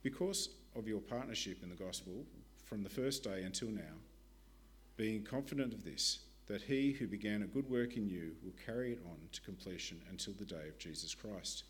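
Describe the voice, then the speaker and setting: Man reading a ministry report aloud. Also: fairly low pitch. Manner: steady, measured reading with occasional fillers. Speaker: church presenter.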